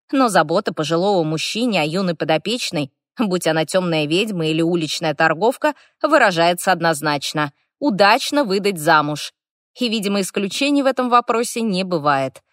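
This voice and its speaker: A woman narrating a first-person fantasy audiobook in a wry, lively, expressive way. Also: lowish voice, a little fast, no echo, studio quality.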